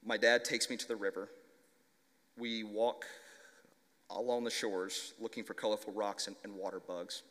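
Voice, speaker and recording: Young man, stutters, storyteller, low voice, reverberant conference hall. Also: flat delivery, a bit bright. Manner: stutters, slow deliberate reading. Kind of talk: reading a children's story aloud. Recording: long reverb of a large hall.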